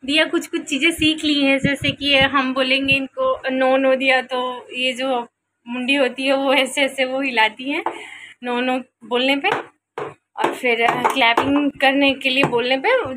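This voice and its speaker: A young adult woman talks in a casual home vlog, her voice high and sharply bright. She coaxes her baby in a sing-song tone and then chats on in an easy, rambling way with her viewers. A faint hiss of noise sits under the recording. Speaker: vlogger and mother.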